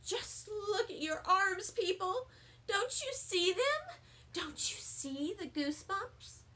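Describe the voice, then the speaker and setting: A showy little girl from a storybook, acted out by a woman, very pleased with herself. Her voice is high and bright, swinging up and down as she takes her time. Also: expressive, takes it slowly, heavily acted. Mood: breezy vanity. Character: vain, showy little first-grade girl Lucille. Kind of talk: children's storybook read-aloud.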